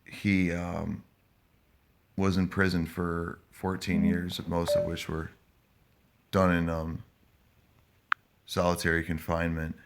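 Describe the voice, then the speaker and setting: Deep, creaky-voiced man, stoned and rambling. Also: monotone, background noise. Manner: stoned, hazy, halting and rambling. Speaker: live-streaming vlogger. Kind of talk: casual rambling chat to live viewers.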